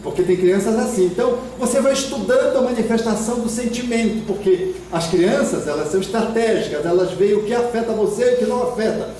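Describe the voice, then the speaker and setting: Man, Brazilian accent, high voice, spiritist lecturer, expressive, very echoey hall, distant mic. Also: fast, few pauses, a little hiss or hum. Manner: expressive, acts out parents and children.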